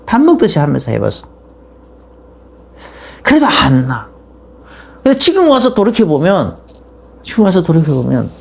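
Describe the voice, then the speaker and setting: A middle-aged male pastor delivers a sermon as loose, conversational storytelling, often restarting his sentences. His voice carries a gravelly edge. His pitch leaps up and drops back down in wide, expressive swings.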